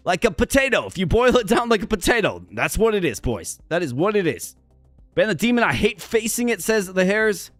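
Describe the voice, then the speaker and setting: A male gaming streamer with a slightly high voice, recorded dry, keeps up casual, upbeat commentary aimed directly at his viewers. He's chatty but sounds strained and worn, stuttering at times and repeating words.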